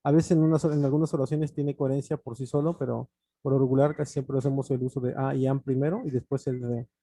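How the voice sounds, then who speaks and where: Mellow-voiced teacher explaining patiently. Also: male voice, medium pitch, little pitch movement, quick pace, no room sound. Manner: patient explaining, with fillers and restarts. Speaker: English teacher. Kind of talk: online lesson.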